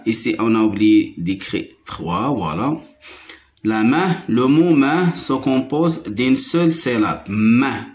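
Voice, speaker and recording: Male teacher with Moroccan French accent, very slow and deliberate, repeats words for young pupils. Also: medium pitch. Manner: slow, repeats each word several times. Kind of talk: primary school phonics lesson.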